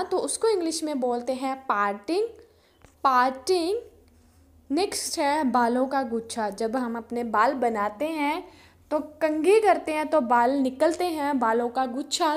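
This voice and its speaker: Slow, high-voiced woman teaching vocabulary. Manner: slow, deliberate, repeats each word. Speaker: English teacher. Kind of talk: vocabulary lesson.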